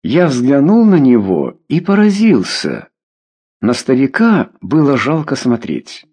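Slow, husky male audiobook narrator. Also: medium pitch, huge pitch swings, a little mellow. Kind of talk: first-person novel reading.

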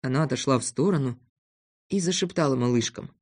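A reader calmly narrating a children's storybook. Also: mid-range voice, brisk.

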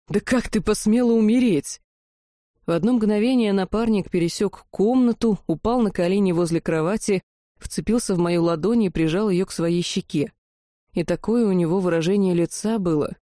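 A woman reading a first-person fantasy audiobook in a wry, lively storytelling manner. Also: on the low side, no echo, studio quality. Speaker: audiobook narrator.

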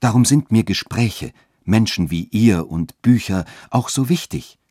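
A man voicing a young widow who reasons calmly and gently but stays firm. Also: lowish voice, unhurried, husky, no room sound, clean studio sound, pitched above the performer's own voice. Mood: gently reasoning.

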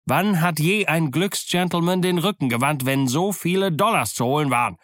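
A man voicing a gruff, scornful old one-legged pirate in an audiobook, speaking boldly and loudly. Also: a little high, normal speed, no room sound, studio quality, voice pushed up, lightly acted. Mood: defiant. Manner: bold, scornful, loud. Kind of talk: audiobook character voice.

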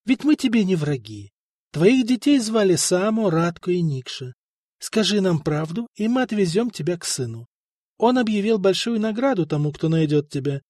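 A smooth, icy eunuch envoy who talks down with quiet scorn, as a man puts him on in a storybook reading. The voice sits a little high and sounds close and dry. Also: big pitch swings, normal speed, no room sound. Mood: coaxing.

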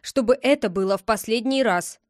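A woman's voice: fairly high pitch, fairly quick, no room sound, studio quality, lightly acted. A woman voicing a stern, scolding father in a read-aloud storybook. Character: stern, angry adult father.

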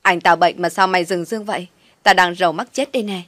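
A woman reading a brash, loud girlfriend. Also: lowish voice, level tone, dry recording, close to an everyday voice. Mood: tearful. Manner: loud, slangy and quick to shout. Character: brash, blunt young woman friend.

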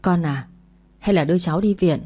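A woman's voice: lowish voice, a little fast, dark tone, husky. A woman reading as an insistent, fussing old mother-in-law. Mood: fretful.

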